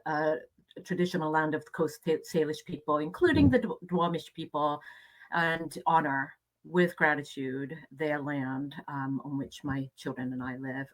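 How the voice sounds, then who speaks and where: A middle-aged woman from Japan giving a conference presentation in a reflective, measured way, with hesitant fillers. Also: sits low, rough recording.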